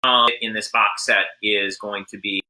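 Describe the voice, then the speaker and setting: A man on a video call whose audio keeps stuttering and dropping out from a bad connection. He talks haltingly and repeats words as the sound cuts. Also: lowish voice, flat delivery, sharp tone, rough recording. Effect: choppy buffering audio over a bad internet link. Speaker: game designer guest. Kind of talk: live-stream Q&A.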